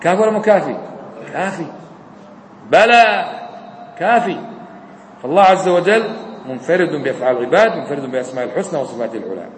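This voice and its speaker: A man preaching a sermon as an imam, fervent and swinging between near shouts and low, quiet lines. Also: lively intonation, quick pace, pauses often, slight background noise. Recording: echoey hall with long reverb.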